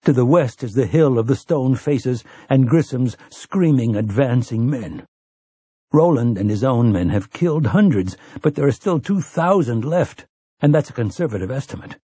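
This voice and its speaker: A man narrating a fantasy audiobook in a measured, intense storytelling manner with a husky voice. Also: medium pitch, expressive, mellow, no echo. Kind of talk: scripted dramatic narration.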